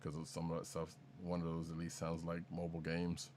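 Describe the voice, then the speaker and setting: A man with a very deep voice co-hosts a casual podcast, rambling through news items. He restarts sentences and drops jokes along the way. A faint hiss sits under the recording. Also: monotone, brisk, darkish tone. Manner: rambling, self-correcting, jokey. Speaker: podcast co-host.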